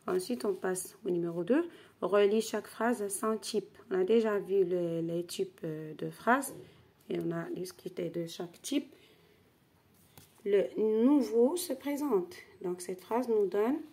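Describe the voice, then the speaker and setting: A woman's voice: mid-range voice, dark tone, breathy edge. A woman French teacher correcting grammar exercises for pupils, patient, and repeating key phrases.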